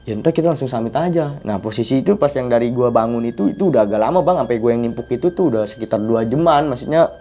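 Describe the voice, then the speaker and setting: Mellow-voiced man from telling a story. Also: mid-range voice, fast talker. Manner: animated, slangy, often addresses the host as 'Bang'. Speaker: guest storyteller. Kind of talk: casual storytelling chat.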